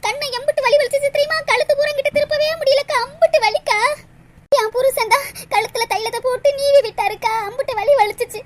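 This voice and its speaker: A woman's voice: very high voice, steady tone, fast, noisy background. A woman doing a whiny, wronged woman. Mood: whining. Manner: complaining, self-pitying. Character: whiny aggrieved village woman, Vasanthi.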